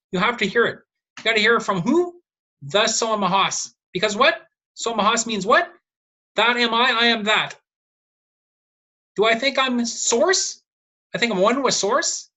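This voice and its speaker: Woman host, bright and tense voice, drives points home by asking and answering her own questions. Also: on the high side. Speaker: numerology video host. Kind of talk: solo video monologue.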